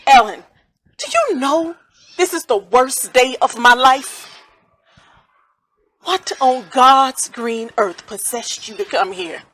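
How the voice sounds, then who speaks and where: A woman acting a grieving mother in a stage play, speaking colloquially and swinging between hushed grief and angry outbursts. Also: high-pitched, animated, takes it slowly, long pauses, exaggerated voice, rough recording. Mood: bitter. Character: grieving mother, raw with sorrow and rage. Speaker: mother of a son shot by police.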